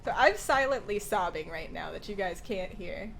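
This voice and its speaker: A woman hosting her own stream from a desk at home, chatting casually, excitable and giggly, swearing freely. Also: mid-range voice, moderate pace, slight background noise. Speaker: streamer host.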